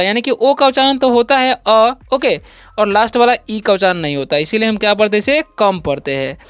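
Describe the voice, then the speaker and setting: A man teaching a spoken language lesson, explaining slowly and repeating himself, checking in often with his students. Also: very high voice, fairly bright tone, smooth, no echo. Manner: slow, repetitive explaining, checking in with "ठीक है". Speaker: English teacher.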